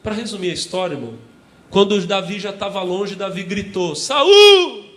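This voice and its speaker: High-voiced Brazilian pastor preaching. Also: male voice, a little fast. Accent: Brazilian Portuguese. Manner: animated storytelling, acting out voices, addressing congregation as brothers. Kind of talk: sermon. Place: church hall. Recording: echoey church hall with faint ambience.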